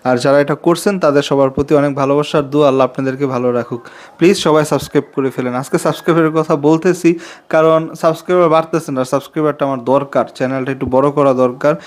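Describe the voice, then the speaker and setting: A man's voice: a little high, steady tone, quick pace. Chatty young man pleading for subscribers. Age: 20s. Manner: chatty and confiding, repeats himself, pleads for subscribers. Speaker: vlogger. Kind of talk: casual talking-to-camera vlog.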